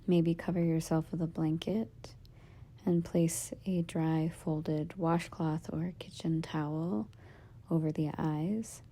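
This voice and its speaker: Her deep voice, in a soft, breathy, husky half-whisper with fairly even intonation, leads a guided meditation. This woman, a yoga nidra teacher, offers gentle, soothing instructions in short, paused phrases.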